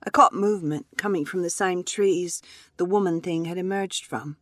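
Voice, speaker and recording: A woman narrating a first-person story in a measured, reflective way. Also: on the low side, a bit bright, no room sound, clean studio sound.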